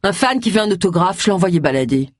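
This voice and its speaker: A woman voicing a rude, sulky young male actor, curt and grumpy, with a husky voice. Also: lowish voice, expressive, fast talker, no echo, clean studio sound.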